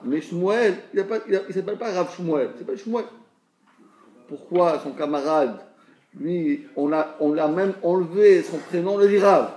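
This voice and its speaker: Male Torah teacher, fairly high voice, echoey room, stop-start explaining. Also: darkish tone. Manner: repeats and restarts words, asks and answers his own questions. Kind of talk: Talmud lesson.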